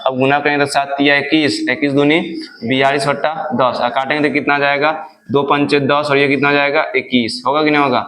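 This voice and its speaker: Speaking briskly in an echoey room, this maths teacher has a slightly high, level, somewhat bright voice. His classroom lesson relies on repetitive drilling, with questions he answers himself.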